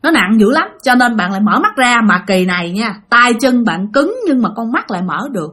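Southern Vietnamese woman narrating a ghost tale, bright lively voice, a bit husky. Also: fairly high pitch, a little fast. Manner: animated, addresses listeners directly. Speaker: storyteller. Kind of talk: spoken ghost story narration.

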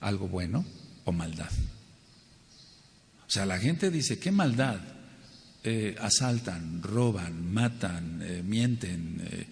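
A man's voice: deep voice, lively intonation, takes it slowly, gravelly, a little mellow. A man teaching a Torah sermon, asking rhetorical questions and repeating phrases for stress. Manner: acts out quoted people with a raised voice. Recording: long hall reverb.

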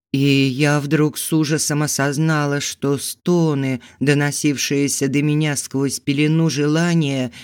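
Slow, measured male audiobook narrator. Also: a little high, clear, resonant tone. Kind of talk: scripted narration.

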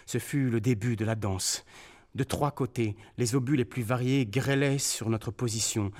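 A man's voice: medium pitch, moderate pace. Man reading a war memoir dramatically. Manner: expressive, voices the sounds of shells and cries. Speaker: reader on a radio documentary.

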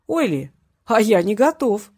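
A woman's voice: medium pitch, big pitch swings, unhurried, mellow, breathy edge, dry recording, clean studio sound. A woman narrator voicing a cocky hitman in a crime audiobook. He taunts his enemies in a light, good-natured tone, and every word carries a threat. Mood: taunting. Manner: genial tone over threats. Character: cocky male hitman, mocking and menacing.

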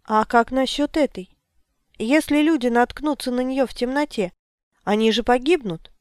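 Woman voicing a grumpy old male wizard, indignant, storybook reading, smooth clear voice, dry close sound. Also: fairly high pitch, normal speed, darkish tone, no echo, lightly acted. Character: gruff older male wizard, irritable. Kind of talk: audiobook character reading.

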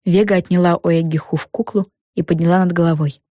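A woman reading a children's book aloud with lively, expressive storytelling. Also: fairly low pitch, brisk, no echo, clean studio sound. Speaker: audiobook narrator. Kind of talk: scripted narration.

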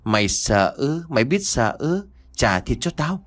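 A man's voice: mid-range voice, very animated, a little slow, a bit bright. A man voicing the vengeful ghost of a dead stepfather, taunting and menacing.

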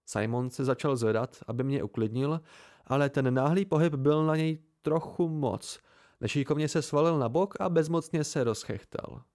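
A man's voice: fairly high pitch, a little mellow. A man reading a novel aloud as an amateur audiobook narrator, giving the characters small shifts of voice. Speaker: audiobook reader.

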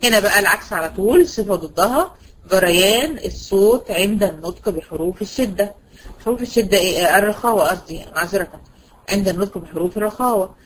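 Brisk Egyptian woman teaching tajweed. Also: medium pitch, animated, a little hiss or hum, poor audio. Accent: Egyptian Arabic. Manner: brisk, asks students questions and answers them herself; slows to stretch out example words. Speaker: Quran recitation teacher. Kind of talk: online tajweed lesson to female students.

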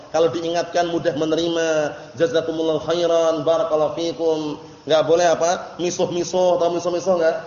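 High-voiced man teaching in echoey hall. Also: darkish tone, muffled recording. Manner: explains terms patiently, often checking if listeners understood. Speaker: religious teacher. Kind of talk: Islamic study lecture.

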